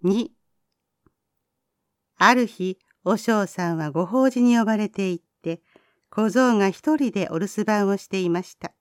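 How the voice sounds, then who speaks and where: A woman reading a children's folk tale aloud, gentle and expressive. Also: medium pitch, unhurried, long pauses, no room sound, clean studio sound. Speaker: storyteller.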